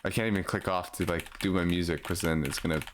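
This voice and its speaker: A man's voice: deep voice, fairly even intonation, fast, slight background noise. A young man streaming a game, chatting casually and mocking himself with frequent laughs. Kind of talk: casual live gameplay commentary.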